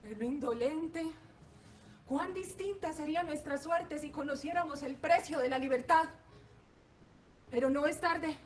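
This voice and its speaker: A woman's voice: sits high, a little slow, pauses often, recorded from a distance, a little hiss or hum. A woman playing a young patriot heroine who faces execution, speaking in a declamatory stage manner. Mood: defiant. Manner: declamatory, defiant.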